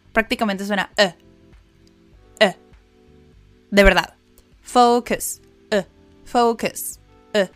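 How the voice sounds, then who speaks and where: A woman's voice: a little high, a bit bright. Chatty woman teacher, laughs often. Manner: chatty, laughs often, repeats words for drilling. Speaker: English teacher and podcast host. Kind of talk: casual reaction lesson.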